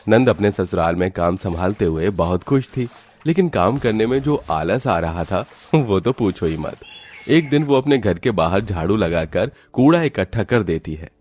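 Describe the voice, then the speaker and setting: A man narrating a cartoon story in a steady, plain storytelling voice. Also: lowish voice, normal speed, dry recording.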